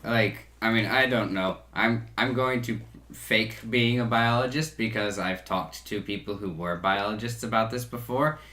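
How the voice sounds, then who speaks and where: Low-voiced young guy on a podcast, measured, explains stuff, echoey room. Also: bright, forceful tone. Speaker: podcast co-host. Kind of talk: casual chat.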